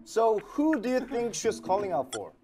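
A man's voice: high voice, huge pitch swings, normal speed. A man questioning contestants as an examiner in a playful variety show. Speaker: variety show examiner in airport officer role. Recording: show clip with music underneath. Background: background music.

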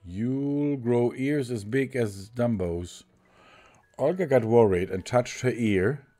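Brief: German-accented male streamer reading a story game, dark and mellow tone, faint game music underneath. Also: mid-range voice, animated. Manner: slow reader who chuckles and corrects himself. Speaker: let's play streamer. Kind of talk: reading game text aloud with commentary.

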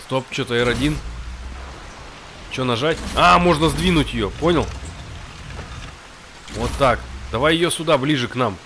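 A male gamer with a mid-pitched voice comments casually as he plays. He thinks aloud in short, colloquial phrases, with faint rain and game noise behind him. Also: a little slow, pauses often, fairly bright tone. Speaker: gamer, let's-play host. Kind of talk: casual improvised gameplay commentary. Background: game ambience with rain.

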